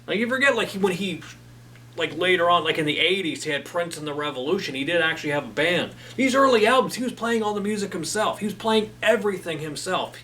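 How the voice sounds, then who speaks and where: A man's voice: high voice, animated, fast talker, bright, forceful tone, far from the mic. A man hosting a casual talk about old albums, enthusiastic and rambling with lots of fillers. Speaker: host.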